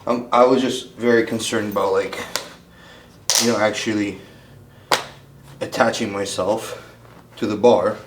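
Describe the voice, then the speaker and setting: Chatty Ukrainian-born man vlogging with background noise. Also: fairly low pitch. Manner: relaxed, chatty, quick fillers and restarts. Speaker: bodybuilder vlogging his contest prep. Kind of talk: casual vlog talk.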